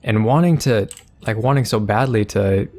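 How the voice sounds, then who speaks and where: A man hosting a let's play, giving casual gameplay commentary in a rambling, halting way, searching for words. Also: on the low side, darkish tone.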